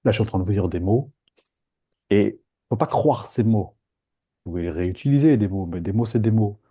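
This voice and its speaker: A man guides a group through a meditation talk on a video call. His voice sits low, dark and a bit husky. He jokes and acts out little inner voices. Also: brisk. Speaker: meditation teacher.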